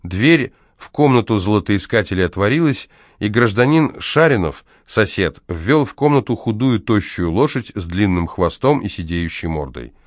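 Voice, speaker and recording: A man narrating an audiobook in a measured, even reading. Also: on the low side, no echo, studio quality. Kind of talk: scripted narration.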